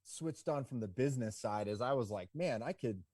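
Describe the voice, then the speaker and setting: A man of around forty, a guest on a podcast interview, telling his story in a relaxed, rambling way full of "like" and "you know". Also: medium pitch, normal speed, no echo, clean studio sound. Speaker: podcast guest, ski business owner.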